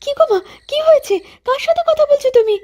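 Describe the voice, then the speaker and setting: A woman's voice: extremely high pitch, fast, dark tone. A woman playing an anxious, caring young daughter in a cartoon ghost story, questioning and concerned. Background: background music.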